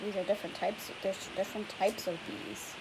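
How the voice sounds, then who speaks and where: A young woman teacher reads a picture book aloud to children as a lesson, explaining things chattily and pausing often to ask them questions. Her mid-range voice keeps a fairly even intonation at a normal speed, with a faint hiss in the recording.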